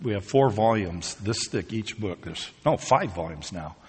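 A man's voice: fairly low pitch, expressive, a little slow, slightly rough, long reverb tail. A man preaching a sermon, talking conversationally and rising to emphatic peaks. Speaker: pastor.

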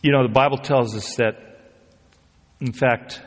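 A man's voice: mid-range voice, fairly even intonation, measured pace, long reverb tail. A man preaching a sermon, talking conversationally and rising to emphatic peaks. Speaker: pastor.

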